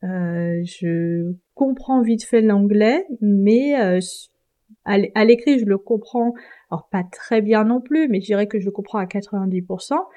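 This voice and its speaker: A young woman from France talks casually on her solo podcast, chatty and self-deprecating, with a mellow, soft-edged tone. She hesitates often and pokes fun at herself as she goes. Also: mid-range voice, measured pace, lo-fi sound. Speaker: podcast host.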